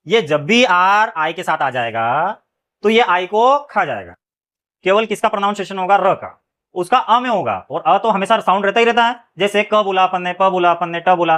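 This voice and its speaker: A man teaches phonics rules. He spells words out slowly, letter by letter, then stops to check that his students have followed. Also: high-pitched, fairly bright tone. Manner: spells words letter by letter, keeps asking "clear?". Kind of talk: phonics lesson.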